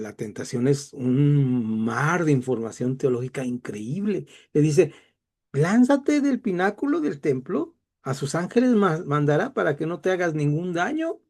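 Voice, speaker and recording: Bible teacher, middle-aged man, Mexican accent, gravelly voice, wanders into asides and pulls himself back. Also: mid-range voice, darkish tone. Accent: Mexican Spanish. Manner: digressive, chatty, self-deprecating asides. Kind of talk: classroom lecture.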